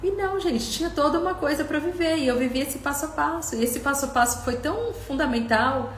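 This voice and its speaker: A woman's voice: sits high, a little fast, roomy sound, a little hiss or hum. A middle-aged woman coach hosting a live stream, speaking passionately and directly to viewers and acting out their words. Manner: passionate, speaks straight to viewers, quotes them in acted voices. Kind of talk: emotional live coaching talk.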